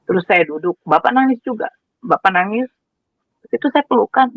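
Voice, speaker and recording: A woman telling her personal story with animated emotion, acting out what people said and repeating words as she goes. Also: medium pitch, moderate pace, no echo. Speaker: guest sharing her conversion story. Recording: dry, tinny phone-like sound.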